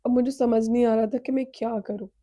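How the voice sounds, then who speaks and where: A woman's voice: fairly high pitch, steady tone, a little fast, mellow, distant mic, highs cut off. A woman talking in a casual personal vlog at home, earnest, emotional and confiding. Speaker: vlogger. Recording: echoey room, voice from off-mic.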